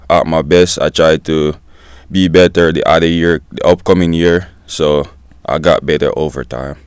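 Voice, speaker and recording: A Jamaican man in his twenties, a student-athlete guest giving short, soft-spoken answers in a casual interview. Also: deep voice, smooth, no echo, clean studio sound. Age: 20s.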